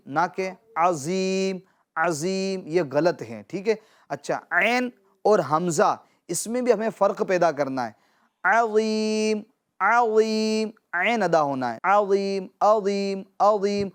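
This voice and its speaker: A man teaching children Quran pronunciation, patiently repeating and drawing out words to model them. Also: fairly high pitch. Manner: addresses viewers as dear children. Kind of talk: children's tajweed lesson.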